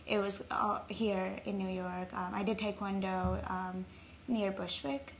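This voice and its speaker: A woman's voice: medium pitch, steady tone, measured pace, creaky. A young woman from Nepal, talking reflectively as an interview guest, with frequent ums. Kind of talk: casual interview. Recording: faint background noise.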